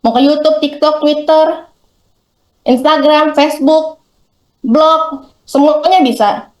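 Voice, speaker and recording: Chatty high-voiced woman teacher. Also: steady tone, darkish tone, reverberant. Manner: chatty, acts out quick examples in voices. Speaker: workshop speaker. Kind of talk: classroom talk on content creation. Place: school hall.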